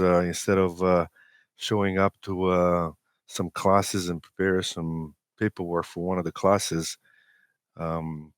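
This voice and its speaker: Haltingly and with many pauses, a native Romanian speaker in his forties with a Romanian accent tells personal stories as an interview guest; he is an amateur radio operator. His voice sits low, in a dry, studio-quality recording.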